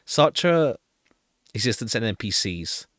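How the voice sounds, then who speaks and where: In clean studio sound with no room echo, a man with a lowish, slightly bright voice speaks slowly with big pitch swings while streaming a game. Over background music he chats casually, reads dialogue aloud, rambles, and repeats himself.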